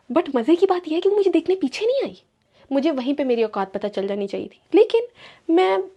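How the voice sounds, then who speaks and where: Fast, chatty young Pakistani woman. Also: sits high, warm tone. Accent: Pakistani Urdu. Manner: chatty and dramatic, mixing in English phrases. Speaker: vlogger. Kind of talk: casual storytime.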